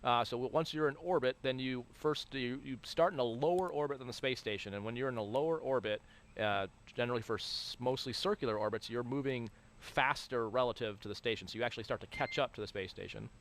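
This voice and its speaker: A man with a mid-pitched voice talks very quickly through technical explanations. He comments live as the expert on a launch broadcast.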